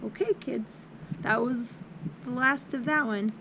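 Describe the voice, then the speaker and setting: A woman reading a children's book aloud, expressive, with small slips and restarts. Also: a little high, measured pace. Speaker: reader. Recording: loud background noise with passing traffic.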